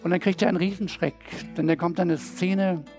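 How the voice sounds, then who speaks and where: A man's voice: high voice, steady tone, a little fast, music in the background. A man preaching a sermon as a pastor, telling stories and repeating phrases rhythmically. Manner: storytelling preacher, rhythmic repetitions.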